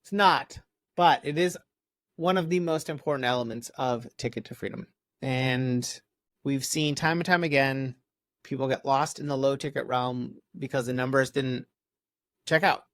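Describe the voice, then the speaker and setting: A man's voice: medium pitch, moderate pace, a bit bright, no room sound. A man co-hosting an online course, explaining in an upbeat, conversational way with worked examples. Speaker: course co-host. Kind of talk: casual course walkthrough.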